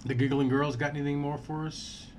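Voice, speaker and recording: A man's voice: fairly high pitch, little pitch movement, brisk, darkish tone, slight background noise. A man casually commentating his gameplay, joking and swearing freely. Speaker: let's play gamer.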